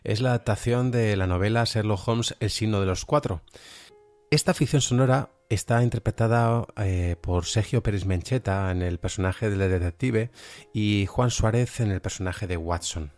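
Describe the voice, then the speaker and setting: With a lowish, somewhat dark voice at normal speed, a man from Spain chats his way through a casual review of audio dramas. He comes across as hesitant and pokes fun at himself.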